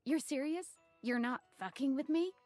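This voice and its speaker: An actress playing a casual, sardonic, incredulous best friend in a video game. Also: female voice, high voice, normal speed, warm tone, dry recording, faint music behind, lightly acted. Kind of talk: video game character acting.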